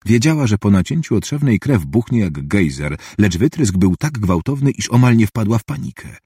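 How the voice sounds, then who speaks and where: A man reading a novel aloud as an audiobook, in an even, measured narration. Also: on the low side, slightly rough, dry recording, studio quality.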